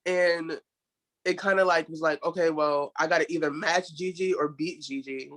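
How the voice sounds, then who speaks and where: High-voiced young man, laid-back guest. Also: steady tone, normal speed, a bit bright. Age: 20s. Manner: laid-back, laughs often, many likes and you know. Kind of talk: casual chat.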